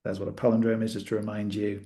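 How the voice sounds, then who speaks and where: Lowish and mellow, this guest's voice runs quick and monotone as he explains a maths concept and a tool he created in a casual chat. He makes maths web tools and comes across as enthusiastic, tossing in asides as he goes.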